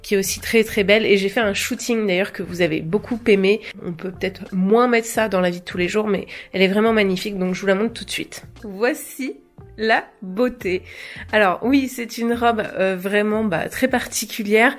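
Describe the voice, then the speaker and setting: Faint music plays behind a young woman talking to camera in a casual haul chat about her clothing purchases. The fashion vlogger's voice is mid-range at normal speed, and she sounds hesitant, dropping many fillers and small laughs.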